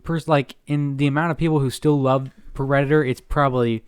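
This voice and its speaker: A man's voice: mid-range voice, fairly even intonation, fairly quick, clean tone, dry recording. A man co-hosting a casual podcast, talking in a laid-back, hesitant way with many restarts. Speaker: podcast co-host.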